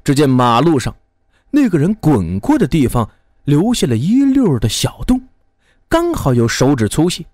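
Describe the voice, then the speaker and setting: A man telling a folk tale in a lively, expressive way, acting out many characters. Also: on the high side, normal speed, no echo, clean studio sound. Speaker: storyteller. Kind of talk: animated folk storytelling.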